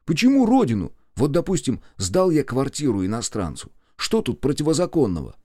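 A man's voice: medium pitch, big pitch swings, moderate pace, dark tone, no room sound, studio quality, pitched above the performer's own voice, close to an everyday voice. A man voicing a touchy, newly rich friend who speaks curtly and takes offence easily in an audiobook. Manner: curt, hissing, easily offended.

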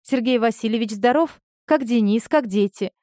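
A woman's voice: fairly high pitch, moderate pace, warm tone, dry recording, studio quality, pitched above the performer's own voice, close to an everyday voice. A woman voicing a weary, guarded wife. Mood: subdued. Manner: subdued, guarded.

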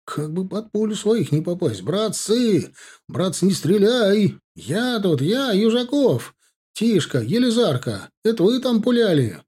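A man voicing a loud young Russian jäger who shouts urgently in a raised voice. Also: fairly high pitch, moderate pace, pitched above the performer's own voice, close to an everyday voice. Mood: shouting urgently.

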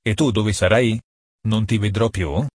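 A man's voice: lowish voice, steady tone, unhurried, no echo, clean studio sound. A man voicing a distressed, tearful young male soul who speaks in a pleading way.

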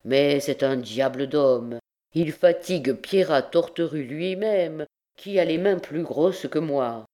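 A woman's voice: low voice, slow, warm tone. A woman voicing a cheerful, cruel male church prosecutor in a chatty, jovial manner in an audiobook.

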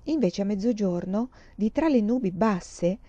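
A woman reading a novel aloud in a calm, measured way, on a dull lo-fi recording. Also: medium pitch, no echo. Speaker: audiobook reader.

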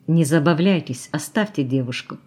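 A woman voicing a soft-spoken young man who sounds quietly bitter and reproachful, in an audiobook. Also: sits low, animated, normal speed.

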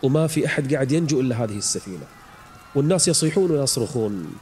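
Dramatic preacher, echoing hall. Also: male voice, mid-range voice, expressive, racing, a little hiss or hum. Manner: dramatic, swings from hushed to near-shouted pleading. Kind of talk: dramatic religious storytelling. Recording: long hall reverb.

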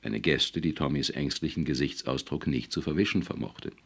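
A man reading a science-fiction story aloud as an expressive audiobook narrator. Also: rumbling low, normal speed, creaky. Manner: expressive, varied. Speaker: audiobook reader. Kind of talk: scripted narration.

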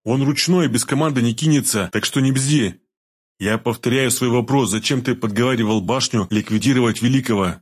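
A man voicing a slow, coaxing male interrogator. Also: medium pitch, natural voice. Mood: impatient. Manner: slow, mock-soothing. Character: male security man, coaxing then threatening.

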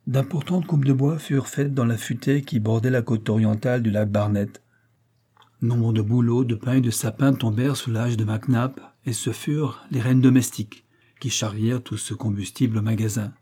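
A man narrates a classic novel with a mellow, dark voice at an ordinary middle pitch. His reading is measured, and he lifts his tone for the characters' lines. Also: steady tone, breathy edge. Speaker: audiobook narrator.

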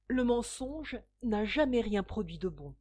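A woman doing a calm, frank young daughter. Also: on the high side, a little slow, pitched above the performer's own voice, exaggerated voice. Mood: calm firm. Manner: calm, clear, firm.

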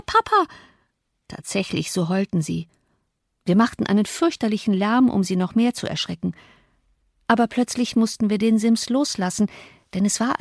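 A woman reading a classic novel aloud as an expressive, dramatic first-person narration. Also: medium pitch, no room sound, clean studio sound. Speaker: audiobook reader. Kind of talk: literary audiobook narration.

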